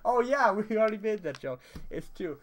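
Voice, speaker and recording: A man's voice: sits high, lively intonation, normal speed, slight background noise. A man streaming a video game and chatting casually, rambling and losing his train of thought as he plays. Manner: rambling, scattered, trails off mid-sentence; swearing, laughing it off. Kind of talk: casual chat while gaming.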